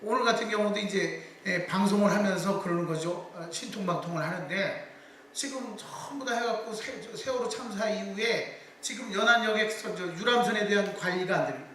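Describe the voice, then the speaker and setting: Middle-aged male lecturer, high voice, lively asides, heard from a distance in a very echoey hall. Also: a little hiss or hum. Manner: animated storytelling with quick asides to the audience. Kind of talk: public lecture.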